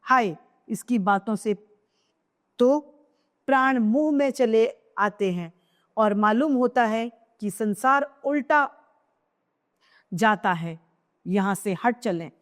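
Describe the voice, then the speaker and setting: A woman voicing a troubled king, speaking in a lower voice with anxious unease. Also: lively intonation, slow, pauses often, big-room sound. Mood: uneasy. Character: stricken king, fearful and uneasy father.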